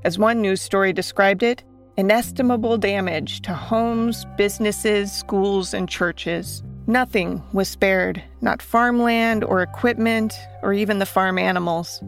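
Woman narrating a true story over music. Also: medium pitch. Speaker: podcast host and narrator.

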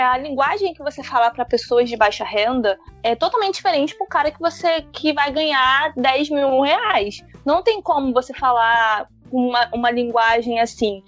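A woman of twenty-one with a Carioca accent, explaining things as an interview guest in informal, everyday words. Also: sits high. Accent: Carioca, Rio de Janeiro. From Rio de Janeiro, Brazil. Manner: informal, everyday wording with tag questions. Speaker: guest, financial education content creator. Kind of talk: casual explanatory interview talk. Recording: slightly dull audio with music behind. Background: background music.

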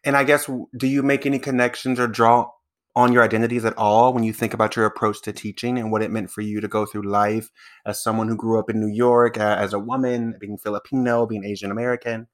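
A man's voice: on the low side, level tone, fast talker. Earnest male podcast host. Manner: earnest, explanatory. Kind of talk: conversational interview.

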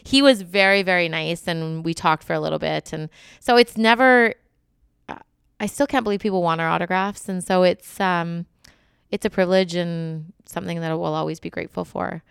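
A woman guest in a casual interview, telling her stories in an animated way and laughing often. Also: fairly low pitch, normal speed, vocal fry, smooth, no room sound, studio quality. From Canada. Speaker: guest, Olympic curler.

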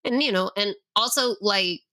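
A woman's voice: mid-range voice, normal speed, sharp tone. A woman hosting an interview podcast, talking in a loose, rambling way with many fillers. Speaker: podcast host. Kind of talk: casual interview chat.

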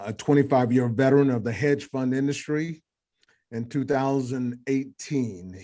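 A man hosts a casual interview podcast at a middle pitch, chatty and loose. He stumbles and restarts often while asking questions. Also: dark tone. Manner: chatty, many fillers and restarts. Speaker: podcast host.

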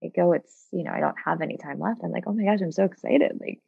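Talking fast in a low, gravelly, husky voice, a forty-something coach who used to be a psychologist guests on a casual podcast. She is reflective and earnest, using lots of fillers, and the audio is narrow and tinny with no echo.

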